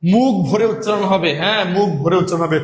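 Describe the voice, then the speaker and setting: High-voiced man teaching a live class. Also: quick pace, echoey room. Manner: repetitive, asks and answers own questions; addresses viewers as brothers and sisters. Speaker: online exam-prep teacher. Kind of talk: live online grammar class.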